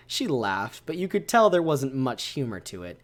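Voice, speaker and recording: A male streamer reads a visual novel aloud to his viewers. He breaks off to react to the choices with excited exclamations, his pitch swinging widely. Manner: animated, exclaims and reacts while reading.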